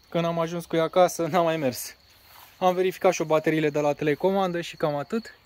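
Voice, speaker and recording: A Romanian man casually showing his caravan outdoors, talking plainly with a few fillers while filming on a phone. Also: a little high. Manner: plain, matter-of-fact, pauses with fillers. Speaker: caravan seller. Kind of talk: casual walkaround presentation. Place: outdoors on a grassy lot beside a caravan. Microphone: phone camera held by the speaker.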